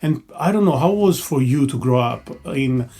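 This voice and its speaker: A man's voice: medium pitch, animated, warm tone, slightly rough. A man hosting a podcast interview, speaking in a friendly way that halts and restarts often. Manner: friendly, halting, frequent restarts and fillers. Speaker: podcast host.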